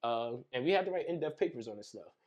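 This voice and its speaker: A man's voice: mid-range voice, fast. A young man, a podcast guest, talking casually over drinks and telling vivid stories full of slang and sound effects. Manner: animated storyteller, heavy slang, acts out scenes with sound effects.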